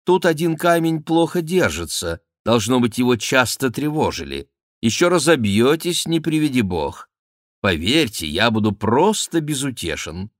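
A man reading aloud puts on a sly young courtier who answers every threat with cool, polite mockery. The voice is bright and lively, swinging up and down in pitch with ironic amusement. The sound is dry and close. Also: a little slow, no room sound. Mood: mocking. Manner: ironic, teasing, politely insolent. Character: mocking cool young male courtier, a nobleman. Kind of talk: audiobook character reading.

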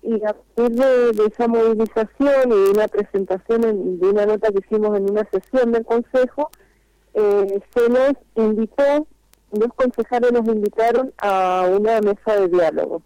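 A woman speaking over a phone line on speakerphone, calling in to a radio interview as a vendors' spokesperson. She explains at length, earnestly, with frequent pauses. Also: medium pitch, warm tone, smooth, dry recording.

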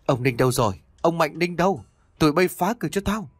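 A male storyteller voicing a fierce, shrill middle-aged village woman who scolds and threatens. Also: expressive, fast talker, no room sound. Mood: angry, scolding.

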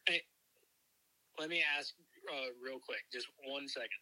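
A man's voice: mid-range voice, measured pace, pushed and bright, no room sound, low-quality recording. A young man, a college athlete, heard over a speakerphone as a phone caller, answering in a laid-back, dry way. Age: young adult.

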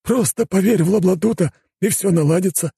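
A man voicing a sly homeless man who coaxes others with calm advice. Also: high voice, a little fast, creaky, breathy edge, dry recording, studio quality, voice pushed up, exaggerated voice. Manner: coaxing, persuasive.

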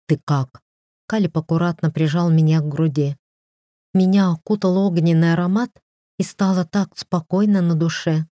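A woman reading a first-person novel as an audiobook, in an even, measured way. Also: lowish voice, dry recording, studio quality. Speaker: audiobook reader.

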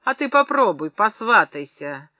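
A male audiobook reader voicing a drunk, boastful rich old gold-mine owner who talks loudly and swaggers. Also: sits high, big pitch swings, unhurried, no room sound, pitched above the performer's own voice, exaggerated voice. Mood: swaggering. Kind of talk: audiobook character voice.

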